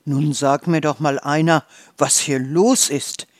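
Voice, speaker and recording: A reader doing a gruff old farmer. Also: a little slow, no room sound, clean studio sound, lightly acted. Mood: firm. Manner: low, firm and gruff. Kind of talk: storybook reading.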